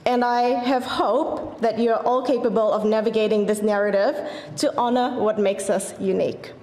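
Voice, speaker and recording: A woman's voice: fairly high pitch, steady tone, moderate pace, a little mellow. A woman judge giving an earnest, encouraging award speech on stage, opening with a formal greeting in Māori. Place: large event hall. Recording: echoey hall with long reverb.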